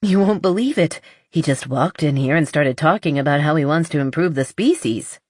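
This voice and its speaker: A woman voicing a young woman in an audiobook, raising her voice in an emphatic, lively way. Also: sits low, moderate pace, no echo, studio quality. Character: flustered young woman, then sweetly teasing. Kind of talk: audiobook character voice.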